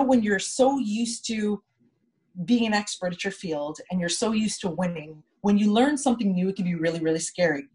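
Co-hosting a podcast, a native English-speaking woman reflects candidly on a personal story, repeating words for emphasis. Her mid-range voice has a darkish, slightly rough tone, and the audio is poor.

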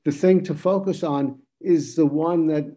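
A man's voice: a little high, fairly even intonation, unhurried, mellow. A man moderating a professional discussion, explaining in a firm, instructive way.

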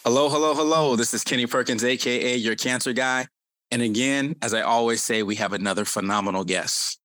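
A man's voice: mid-range voice, little pitch movement, a little fast, sharp tone, no room sound. A man hosting a podcast interview, effusive and given to repeating his phrases. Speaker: podcast host.

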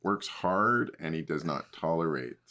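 A man's voice: deep voice, animated, measured pace, pushed and bright. A man co-hosting a casual podcast chat, mostly chiming in with brief remarks and agreement. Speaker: podcast co-host.

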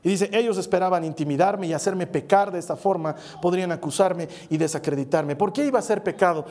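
Male preacher with a high voice, chatty sermon delivery, often asks the room "right?". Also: fairly quick, a little mellow. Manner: conversational, checks in with listeners by asking "right?".

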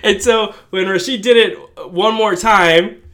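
A man's voice: high-pitched, steady tone, slow pace, pushed and bright. A man co-hosting a casual show, animatedly recounting sports stories with frequent laughs and asides. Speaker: podcast co-host. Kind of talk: casual storytelling chat.

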